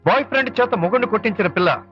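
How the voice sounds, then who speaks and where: An actor playing an arrogant, mocking son-in-law who sneers and throws English taunts. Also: male voice, high-pitched, lively intonation, very fast. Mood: sneering. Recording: dull film track with music.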